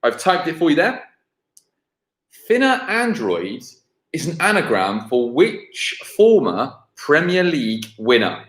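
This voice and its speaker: A man hosts a live-streamed football quiz, going over each question slowly and clearly and chatting casually with viewers. His voice is a little high, very animated and fairly bright. The home livestream sound is roomy and echoing.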